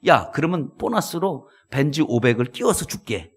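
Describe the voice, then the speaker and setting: A man's voice: a little high, sing-song, moderate pace, slightly rough, pitched below the performer's own voice. A male pastor voicing a sly male devil who tempts a praying man with bribes, in a coaxing, bargaining way.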